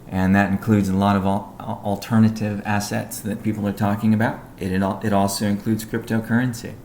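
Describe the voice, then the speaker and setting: On a conference call, a company executive gives a technical business update in a low, creaky, darkish voice. He speaks in a measured, halting way with a level tone and little melody. The recording sounds roomy and echoey, with faint background noise.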